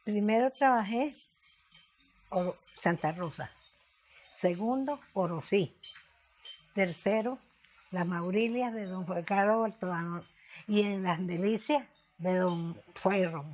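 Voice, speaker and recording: A woman's voice: medium pitch, darkish tone, faint music behind. Guanacaste woman in her nineties reminiscing. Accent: Costa Rican, Guanacaste. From Guanacaste, Costa Rica. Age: 90s. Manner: reminiscing, plain-spoken, halting with restarts. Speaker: interviewee. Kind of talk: documentary interview.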